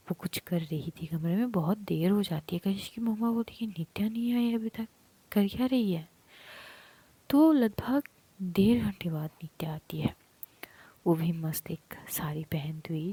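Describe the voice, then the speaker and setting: A woman narrating a love story as a whispered role-play, softly voicing each character's lines. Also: lowish voice, breathy edge. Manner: soft unvoiced whisper, acting out characters' lines.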